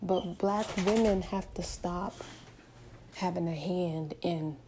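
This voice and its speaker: A woman's voice: lowish voice, fairly even intonation, takes it slowly, dark tone, slight background noise. A woman in her twenties vlogging from home in an impassioned, emphatic monologue full of rhetorical questions. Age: 20s. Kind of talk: opinionated direct-to-camera monologue.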